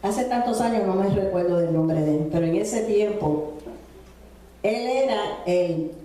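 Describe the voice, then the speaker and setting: A woman's voice: medium pitch, a little slow, mellow. A woman preacher, telling a testimony in a sermon, full of fillers and tag questions. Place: church. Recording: echoey church from far off.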